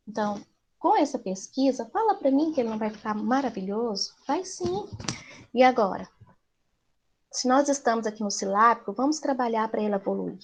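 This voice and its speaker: Brazilian woman teacher, rhetorical questions. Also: on the high side. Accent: Brazilian Portuguese. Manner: explanatory, asks rhetorical questions. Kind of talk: live class for parents.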